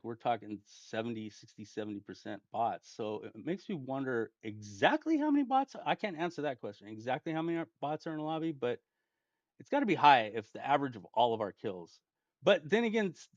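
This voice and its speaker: A man's voice: medium pitch, very animated, brisk, no room sound. Male gaming host, casual rambling storyteller, dull lo-fi home mic. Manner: rambling, restarts often, chuckles while telling.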